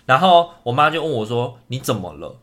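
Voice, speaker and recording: Bright-voiced young man telling a story. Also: medium pitch, fairly quick. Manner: animated storyteller, acts out quoted lines. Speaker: podcast co-host. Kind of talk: casual storytelling chat.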